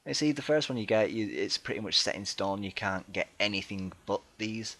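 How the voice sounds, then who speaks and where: A man with a somewhat low voice walks through a strategy game in casual commentary. He talks hesitantly, filling gaps with ums and restarting sentences. He pokes fun at himself in a chatty, easygoing way. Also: fairly quick, sharp tone. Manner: self-deprecating and chatty. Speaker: let's play gamer.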